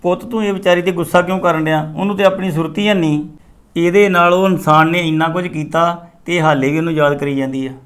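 An actor playing a middle-aged father who speaks gently and patiently. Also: a little high, steady tone, fast, natural voice.

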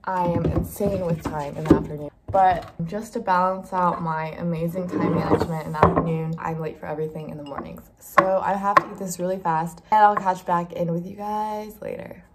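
A woman's voice: fairly low pitch, steady tone, brisk, few pauses, very noisy. A young college-age woman chatting casually to camera in a wry, self-mocking way. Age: young adult, college student. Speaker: student vlogger. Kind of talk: casual vlog chat to camera. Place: dorm room, indoors.

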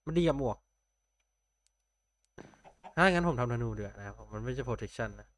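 A man's voice: mid-range voice, expressive, normal speed, fairly bright tone. A young man casually commenting on his Minecraft game, thinking aloud and chatting with viewers. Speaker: gameplay streamer.

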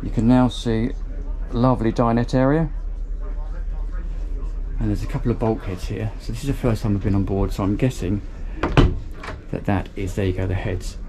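Against a noisy background, a boat reviewer vlogs a casual walkthrough, outdoors on a marina pontoon and then inside a small motor boat cabin. His fairly low voice keeps a fairly even intonation and moderate pace, pausing often as he chats upbeat and thinks aloud.

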